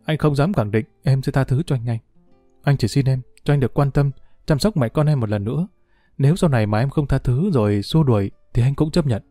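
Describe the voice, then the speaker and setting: A man's voice: medium pitch, a little fast, dark tone, no echo, studio quality, soft background music, close to an everyday voice. A man voicing a young man who apologizes with a choked voice, in a storybook reading. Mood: earnest. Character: remorseful young man, pleading father.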